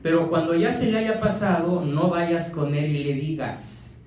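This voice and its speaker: A man's voice: fairly high pitch, fairly even intonation, unhurried, darkish tone, slight background noise. A man with a Mexican accent giving a motivational lecture, firing rhetorical questions at his audience. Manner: emphatic, fires rhetorical questions. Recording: echoey room from a distant mic.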